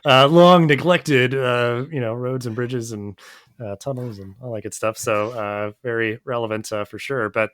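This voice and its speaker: A man hosting a podcast interview in a relaxed, casual way, with lots of filler words. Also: medium pitch, normal speed, no room sound, studio quality. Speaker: podcast host.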